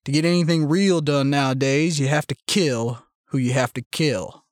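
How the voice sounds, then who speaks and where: A smug young militia leader, as a man puts him on, calm and sardonic. He speaks in an unhurried, quietly threatening tone, slightly high in pitch. The recording is close and dry. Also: no room sound, close to an everyday voice. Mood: cool menace.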